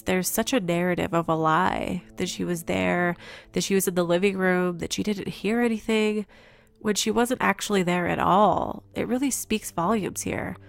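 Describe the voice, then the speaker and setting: A woman hosting a podcast, telling a story in measured, earnest scripted narration. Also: lowish voice, vocal fry. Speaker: podcast host.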